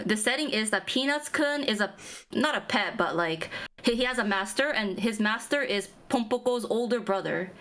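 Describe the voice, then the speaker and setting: A woman's voice: a little high, sharp tone. A young woman streamer in casual chat with friends, explaining at length with lots of fillers and restarts. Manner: rambling, many fillers and restarts.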